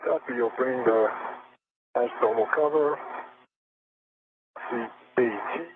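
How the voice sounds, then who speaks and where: A man in a spacesuit reading back checklist steps to the ground in clipped, brisk callouts over a space-to-ground radio link. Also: medium pitch. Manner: clipped, brisk, matter-of-fact readbacks. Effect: narrowband space-to-ground radio link. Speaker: astronaut on a spacewalk. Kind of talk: terse procedural radio callouts. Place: inside a spacesuit on the space station. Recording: tinny hissy radio link.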